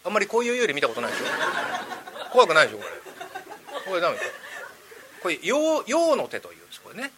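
Man, rakugo storyteller, playful, chatty, animated pitch. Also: quick pace, pauses often, background noise. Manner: lively, playful, chatty with asides to the audience.

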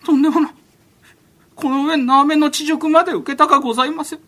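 A man's voice: steady tone, quick pace, a bit bright. A man voicing a sheltered, timid young master in a comic rakugo story, speaking in a prim, pleading way. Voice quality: high, pleading, prim polite speech.

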